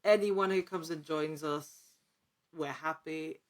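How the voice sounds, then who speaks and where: Speaking slowly in a deep voice, this woman is a podcast guest, an actor and actual-play storyteller. Her interview talk is casual and earnest, with thoughts worked out aloud in fragmented phrases.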